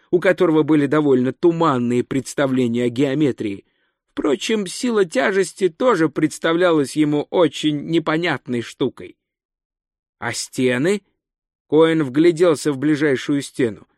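A man reading an audiobook as narrator, telling the story in a measured, wry manner. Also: on the high side, a little mellow, dry recording, clean studio sound. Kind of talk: scripted narration. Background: faint music.

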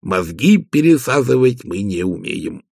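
A man voicing slow gloomy servant Igor. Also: fairly low pitch, very animated, gravelly, a little mellow, husky, dry recording, studio quality, heavily acted. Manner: slow, deliberate delivery. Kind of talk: audiobook character voice.

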